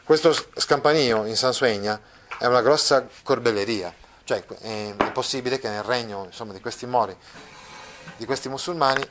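A man's voice: mid-range voice, normal speed, noisy background. A man teaching a class, explaining a text in a chatty, loose way with fillers and tag questions.

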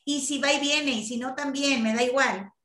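Over a video call, a woman leads a workshop group talk with emphasis, performing the lines she quotes. She speaks at an ordinary pace in a high, slightly bright voice, and the audio has a roomy quality.

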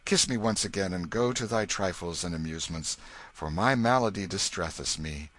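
A man's voice: deep voice, normal speed, fairly bright tone, no echo. A man voicing a dying old king who is wrathful and commanding, declaiming in archaic, imperious speech. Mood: tender, weary.

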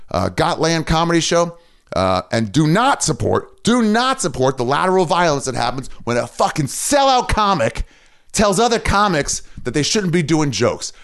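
A podcast host in full rant mode, a man cursing freely and getting worked up. His pitch swings all over as he talks, rising and dropping with real animation, and he stands in front of a mirror as he goes. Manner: fired-up, swearing, ranting. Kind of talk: casual profane comedy rant.

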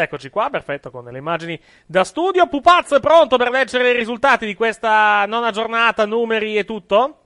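A man's voice: high voice, fairly bright tone, no room sound, clean studio sound. A man with an Italian accent casually hosting a live football show, hesitant and improvising as he goes.

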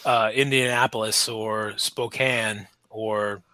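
A man co-hosting a relaxed podcast, with a bright, forward tone. He meanders and restarts as he explains. The sound is dry and close. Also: lowish voice, no room sound. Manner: meandering, halting, restarts his sentences. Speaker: podcast co-host. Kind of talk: casual chat.

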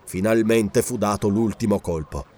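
A man narrating a dark adventure story as an audiobook, grave and expressive. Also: on the low side, normal speed.

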